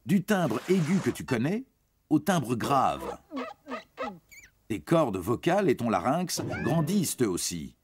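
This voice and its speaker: Over background music, a man with a mid-range voice reads educational narration scripted for young teens, with a slight hiss or hum on the recording. He explains informally and reassuringly, addressing the listener directly.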